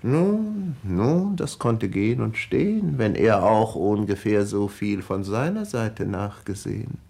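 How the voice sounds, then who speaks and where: A sly devil with a mocking, honeyed tongue. He speaks slowly and swings his pitch wide, leaning theatrically on each line in a 1950s radio play. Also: lively intonation, creaky, a little mellow, heavily acted. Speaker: actor playing Mephistopheles. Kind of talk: 1950s German radio drama acting.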